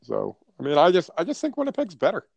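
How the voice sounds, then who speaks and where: A man's voice: high voice, huge pitch swings, fast, gravelly, a little mellow, no room sound. Blunt, profane North American frat-bro sports guy. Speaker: sports podcast co-host. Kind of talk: casual sports chat.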